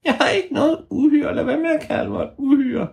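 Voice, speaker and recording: Man doing a tiny winged sprite girl for a told story, sulky and touchy, squeaky voice pitched far above his own. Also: creaky. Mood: wary.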